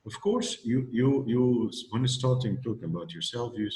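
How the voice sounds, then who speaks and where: A man's voice: medium pitch, expressive, normal speed, mellow, echoey room, poor audio. A man with an Egyptian accent teaching English one-on-one, hesitant and full of fillers and restarts. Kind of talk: one-on-one speaking lesson.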